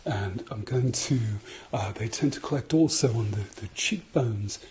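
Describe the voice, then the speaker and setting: A British man doing an ASMR ASMR role-play, soft-spoken and slipping into speaks softly, giving insistent, repeated instructions and reassurance. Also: mid-range voice, moderate pace, a little hiss or hum.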